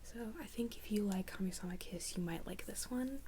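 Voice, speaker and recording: A young woman in a whispered role-play as a librarian, speaking in a soft, halting whisper. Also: mid-range voice, slight background noise. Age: young adult. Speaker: ASMR creator playing a librarian.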